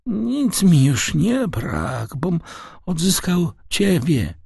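A frail old father, as a male narrator puts him on, his voice thin, high and trembling. He speaks very slowly and gently, with a husky catch in the throat. The recording is close and dry. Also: big pitch swings, no echo, exaggerated voice. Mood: weak, gentle. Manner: quavering and slow, breaking into high tones. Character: frail, tender old father, aging man.

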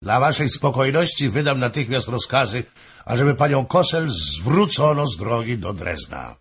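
A man reading aloud and voicing an impatient king, with slow, raised, commanding speech and a husky voice. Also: medium pitch, lively intonation, a bit bright, voice pushed up. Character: middle-aged king, imperious and impatient.

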